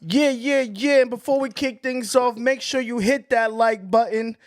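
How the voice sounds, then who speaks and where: A man hosting a casual sports podcast, talking loud and slangy with lots of laughing. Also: extremely high pitch, normal speed. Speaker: podcast host.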